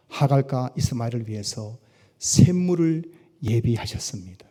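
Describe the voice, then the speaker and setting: A male pastor preaching a sermon with passion, rising to loud cries and dropping to soft near-whispers. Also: fairly high pitch.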